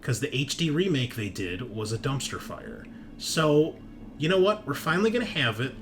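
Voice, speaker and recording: With a medium-pitched, sing-song delivery at normal speed, a man running a tabletop roleplaying show as host and game master offers casual, profane opinions. He rants emphatically, peppering remarks with "right?" and "okay?", and a little hiss or hum is audible.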